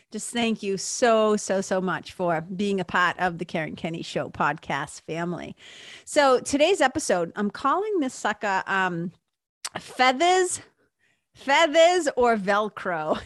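A woman's voice: medium pitch, a bit bright, no room sound, studio quality. A woman podcast host and spiritual mentor talking informally and conversationally to listeners, repeating words for emphasis and checking in with them. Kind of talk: casual solo podcast talk.

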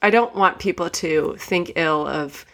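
A woman's voice: on the low side, unhurried, fairly bright tone. A woman co-hosting a podcast in casual chat, speaking hesitantly and asking clarifying questions. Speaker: podcast co-host.

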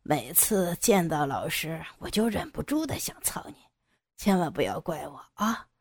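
Woman doing a cocky young man, deep-ish and mocking, for a storybook reading. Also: big pitch swings, normal speed, creaky, a little mellow, slightly rough, no echo, studio quality, exaggerated voice. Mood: gloating. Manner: low, gloating, mocking. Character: smug, domineering young man lording over his teacher.

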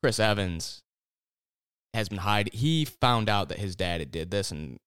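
A man with a lowish, smooth and resonant voice chatting casually with friends. He walks through a story in a loose, rambling way, full of "like" and restarts. The sound is close and dry. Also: expressive, a little slow, a bit bright, dry recording. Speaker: podcast host recapping a TV series. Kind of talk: casual chat.

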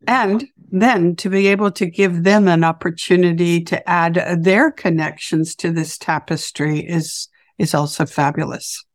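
Woman interviewer, raspy morning voice, dry sound, affirming and unhurried. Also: fairly low pitch, fairly even intonation, no room sound. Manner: warm, affirming, searching for words. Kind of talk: interview conversation.

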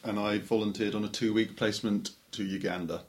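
Guy late 20s, lowish voice, calm and thoughtful. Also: fairly quick. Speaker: podcast guest. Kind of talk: casual chat.

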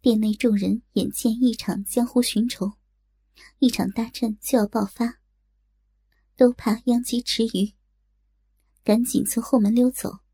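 Woman with a gravelly, husky storytelling voice. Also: on the high side, unhurried, long pauses, dry recording, clean studio sound. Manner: steady, storytelling delivery. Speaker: narrator. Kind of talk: scripted audiobook narration of a martial-arts tale.

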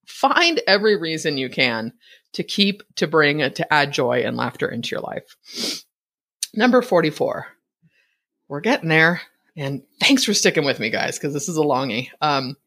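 Low, gravelly woman in her fifties. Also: fairly bright tone. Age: 50s. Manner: talks quickly and mumbles, laughs often. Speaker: podcast host. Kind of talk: reflective personal monologue.

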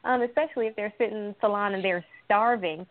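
Lively woman from san francisco chatting as an interview guest, thin phone-line sound, dry. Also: medium pitch, fast, no echo. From San Francisco, USA. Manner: lively, chatty, laughs often. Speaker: guest entrepreneur and baker. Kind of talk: casual interview chat.

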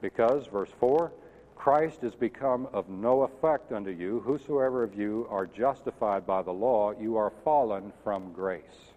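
A man's voice: fairly low pitch, a little slow. A man preaching a sermon, teaching earnestly and emphatically and asking his listeners questions. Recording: tinny lo-fi sound in a reverberant hall.

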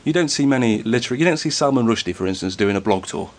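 A man's voice: mid-range voice, expressive, very fast. Hesitant, carefully spoken English man. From northern England. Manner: hesitant, many fillers and restarts, careful enunciation. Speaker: podcast host. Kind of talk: casual podcast interview.

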